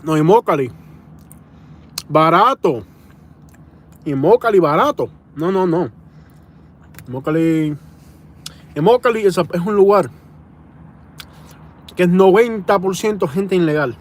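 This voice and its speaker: On his live stream, a young Floridian fields viewer questions in a high-pitched, animated voice, measured in pace and full of pauses. His talk is rambling and repetitive, with restarted sentences and plenty of "bro".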